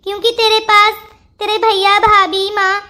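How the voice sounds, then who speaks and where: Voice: extremely high pitch, little pitch movement, moderate pace, pushed and bright, full character voice. A performer voicing a proud, demanding elder sister-in-law who wheedles for gifts. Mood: wheedling. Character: proud elder sister-in-law, gift-hungry then repentant. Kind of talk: cartoon voice acting.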